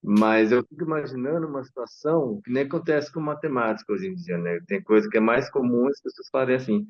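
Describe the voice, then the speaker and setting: A man's voice: mid-range voice, fairly quick. Man asking a casual question, lo-fi. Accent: Brazilian Portuguese. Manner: conversational, agreeable. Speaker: audience member asking a question. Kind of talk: casual question on a video call. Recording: dull lo-fi sound.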